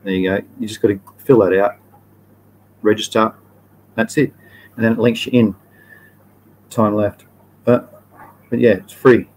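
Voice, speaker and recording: A man's voice: on the low side, fairly even intonation, a little slow, long pauses, a little mellow, slight background noise, low-quality recording. An Australian man hosting a live stream, chatting casually in a rambling, slangy way and often correcting himself mid-sentence.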